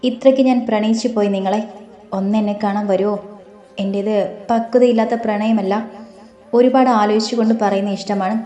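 A woman's voice: medium pitch, warm tone, natural voice. A woman voicing a young female student who pleads earnestly in a storybook reading. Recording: roomy echo.

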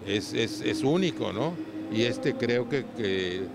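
A man's voice: medium pitch, expressive, slow, creaky. An older Mexican man in his seventies answering interview questions as a cattle breeder, often checking in with short tag questions, on a handheld microphone. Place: large indoor livestock exhibition hall. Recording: noisy livestock show hall.

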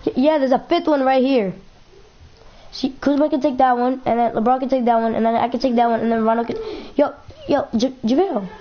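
A young woman talks casually over a basketball video game, repeating herself and playfully complaining as she goes. Her voice sits a little high, and the audio is slightly muffled. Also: steady tone, a little fast, slight background noise. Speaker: gaming YouTuber. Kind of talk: casual gameplay commentary.

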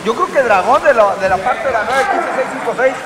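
Mexican guy doing wrestling commentary, really high excited voice, loud crowd all around. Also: fairly quick. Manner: excitable, narrates each move as it happens. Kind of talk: lively lucha libre play-by-play commentary. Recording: loud crowd and venue noise.

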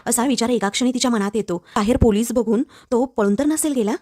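A woman recapping a drama serial episode as a fast storytelling narration. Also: fairly high pitch, warm tone. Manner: brisk, reads quoted dialogue in her own voice.

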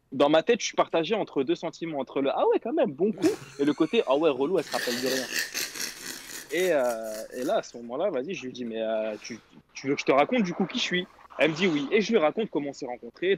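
A man's voice: fairly high pitch, a little hiss or hum. A young man telling a long story in casual slangy chat on a radio show, quoting others as he goes. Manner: rambling, slangy, quotes others.

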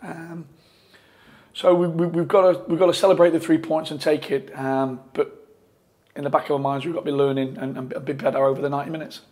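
In a press room before a sponsor board, a football manager in his forties gives a post-match interview on a lapel mic. His voice is fairly high, steady and a little mellow, and he speaks in a measured way with frequent restarts and fillers.

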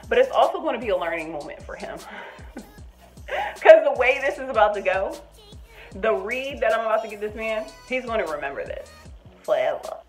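Animated woman telling a storytime tale. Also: a little high, moderate pace, soft background music. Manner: animated, acts out both sides with voices. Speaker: storytime vlogger. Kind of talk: casual storytelling.

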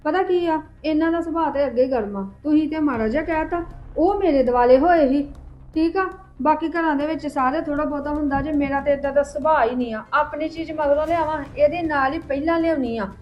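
A woman playing a resentful, quick-tempered young woman of the family who confronts her relatives with accusations. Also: high-pitched, natural voice. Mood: aggrieved. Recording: dull lo-fi sound with faint music.

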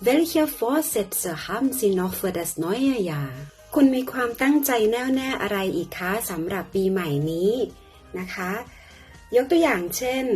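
A woman teaching a grammar lesson, explaining patiently and softening her phrases with polite particles. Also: mid-range voice. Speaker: language teacher.

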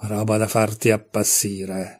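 A man's voice: on the low side, level tone, a little slow. A man reading aloud, voicing a proud, touchy tiger lily flower in a storybook, haughty and scolding.

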